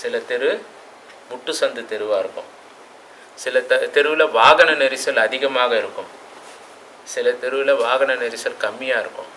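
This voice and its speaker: A man giving a reflective lecture, asking rhetorical questions and stressing words with sudden loudness. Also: medium pitch, measured pace, long pauses, a little hiss or hum, low-quality recording. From Tamil Nadu. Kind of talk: classroom lecture.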